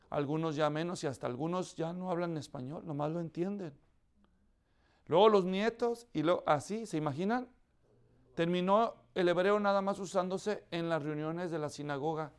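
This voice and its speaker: High, clear-voiced preacher. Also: male voice. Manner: asks the audience questions often; explains with everyday examples. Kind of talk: sermon teaching to a congregation.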